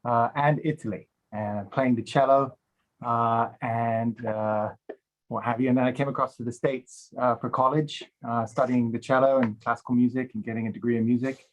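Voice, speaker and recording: A man's voice: medium pitch, fairly even intonation, normal speed. A middle-aged man from Denmark, a film composer, introducing himself hesitantly with many fillers over a video call. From Denmark, raised across Europe. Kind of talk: casual video-call chat. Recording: dull lo-fi call audio.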